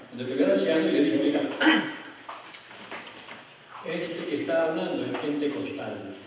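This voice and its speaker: A man preaching a storytelling sermon to his congregation, swinging between loud and soft. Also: mid-range voice. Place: church hall. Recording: echoey hall, mic far off, faint noise.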